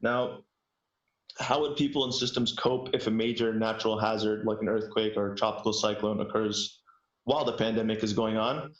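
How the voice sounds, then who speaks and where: A lower-pitched man talks casually on a podcast panel, rambling a little as he goes. The audio is roomy and somewhat muffled, like a lo-fi online call. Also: steady tone, moderate pace. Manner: conversational, loose and rambling. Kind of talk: casual unscripted discussion. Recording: roomy, dull lo-fi sound.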